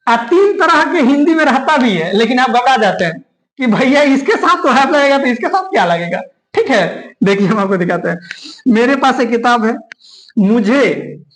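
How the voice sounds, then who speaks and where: Woman, grammar teacher, animated sing-song delivery, somewhat high voice, repeats each point. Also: roomy sound, rough recording. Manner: repeats key points, checks in with listeners. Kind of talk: classroom grammar lesson.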